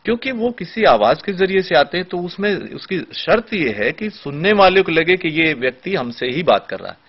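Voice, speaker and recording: A man explaining radio as an expert guest in a studio discussion, teacherly, giving spoken examples with deliberate pauses. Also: on the high side, sing-song, slightly rough. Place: television studio. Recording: dull lo-fi broadcast audio.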